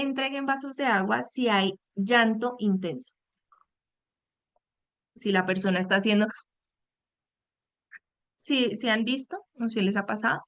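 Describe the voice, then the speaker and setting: A woman's voice: on the high side, a bit bright, no echo. Affectionate woman teaching a webinar. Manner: affectionate, acts out example phrases, calls listeners "mis amores". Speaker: psychologist and coach giving a webinar.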